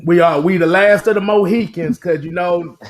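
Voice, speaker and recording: A man with a high, light voice, talking football on a casual livestream. He gets animated, laughs a lot and repeats lines over and over to hammer a point home. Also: normal speed. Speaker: sports talk co-host. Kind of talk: casual sports chat livestream.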